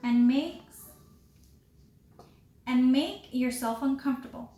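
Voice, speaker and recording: A woman reading aloud as a kind, reassuring man who works at a soup kitchen, speaking in a gentle, joking way. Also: high-pitched, slow. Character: kindly middle-aged male soup kitchen worker. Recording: roomy with faint background hiss.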